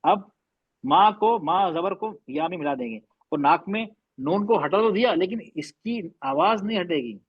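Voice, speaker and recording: A man teaching a recitation class, patiently explaining and slowly drawing out and repeating recited words. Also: sits high, expressive, breathy edge, no echo, muffled recording.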